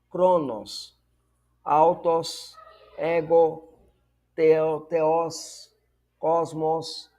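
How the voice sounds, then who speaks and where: A man with a Brazilian Portuguese accent teaching a Greek reading lesson, repeating each word slowly and explaining its pronunciation. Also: a little high, a little mellow.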